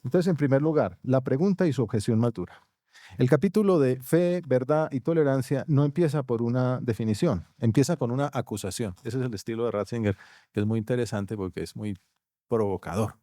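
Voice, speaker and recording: A Colombian man lecturing at a university conference, steady and measured, now and then slipping into quieter asides. His voice is dark and mellow. The sound is dry and close, with no room echo. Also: mid-range voice. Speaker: conference speaker. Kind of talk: academic lecture. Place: university auditorium.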